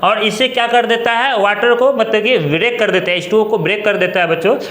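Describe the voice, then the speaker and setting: A man's voice: high-pitched, fairly quick, a bit bright, echoey room. A man teaching biology, repeating each term and asking his pupils to say it back. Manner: repeats terms with call-and-response questions. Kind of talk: classroom lesson.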